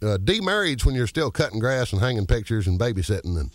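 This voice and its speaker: A man's voice: mid-range voice, sing-song, fast, reverberant. Southern man doing self-mocking stand-up. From Georgia, US. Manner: self-mocking hillbilly humor, laughing through punchlines. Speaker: comedian. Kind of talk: stand-up comedy and radio interview.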